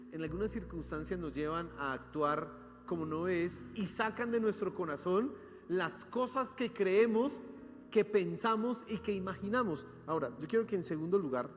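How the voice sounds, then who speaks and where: A Colombian pastor with a high voice preaches with lively drama, acting out voices and questioning his listeners. His voice rings with a long hall reverb, and soft instrumental music plays underneath. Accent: Colombian Spanish. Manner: animated preaching, acting out cries and questions to the congregation. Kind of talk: sermon. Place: church hall.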